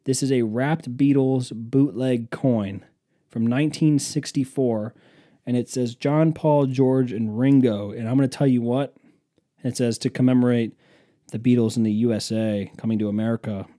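Speaking at a moderate pace, a man in his twenties with a steady, dark, medium-pitched voice rambles casually to his phone camera. He's a vlogger at an indoor museum exhibit, and his story is profane and self-mocking.

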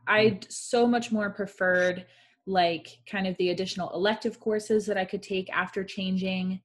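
A woman's voice: mid-range voice, steady tone, moderate pace. A woman in her twenties chatting casually and reflectively as a guest, with many fillers. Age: 20s. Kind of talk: casual chat.

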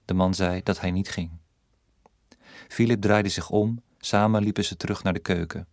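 A man reading a literary story aloud as narrator, in a measured, even storytelling manner. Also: sits low, no echo, studio quality. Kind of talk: audiobook narration.

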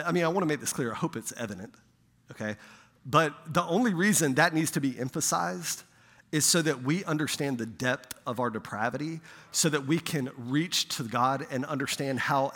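A male pastor giving a conversational sermon who swells louder for emphasis and often checks in with "right?". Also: mid-range voice, slightly rough, in a large hall. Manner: conversational preaching, rising loud for emphasis, frequent "right?".

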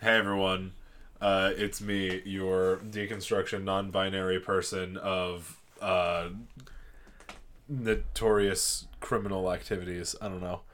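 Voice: low voice, little pitch movement, measured pace, fairly bright tone. A podcast co-host chatting in an offhand, joking way. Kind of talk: casual podcast chat.

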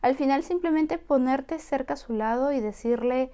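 Expressive woman hosting a motivational podcast. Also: high-pitched, moderate pace, smooth. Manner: expressive and encouraging, acts out voices of adults soothing children. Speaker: podcast host.

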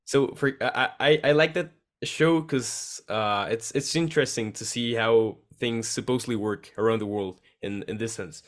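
A man's voice: mid-range voice, moderate pace, hardly any pauses. A man hosting a casual podcast conversation, speaking hesitantly with frequent restarts and fillers.

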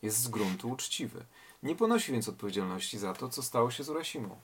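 A man's voice: medium pitch, animated, quick pace, breathy edge. A man reading a tale aloud and commenting on it reflectively, asking rhetorical questions. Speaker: reader and literary commentator.

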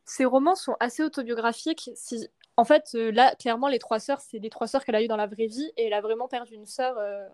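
A woman's voice: a little high, fast talker, few pauses, darkish tone. A young woman speaking French as her own language, chatting casually as a podcast host, rambling and hesitant with many fillers and laughs. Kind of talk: casual chat.

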